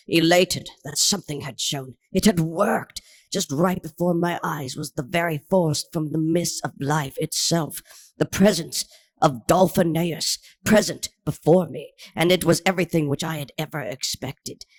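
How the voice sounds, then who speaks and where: Guy reading a fantasy audiobook in first person, kinda husky, earnest. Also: a little high, moderate pace. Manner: earnest, wordy storytelling. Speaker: audiobook narrator. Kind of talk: first-person scripted narration.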